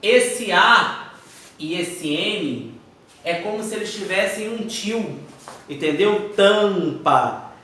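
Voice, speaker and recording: A man teaches a phonetics lesson at an unhurried pace, counting out letters and sounds aloud. His voice is high and bright. He stands a little off the mic in a strongly echoing room. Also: lively intonation, recorded from a distance, a little hiss or hum. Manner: spells out words slowly, counting letters aloud; asks himself students' questions. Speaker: Portuguese teacher. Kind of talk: video lesson explaining phonetics.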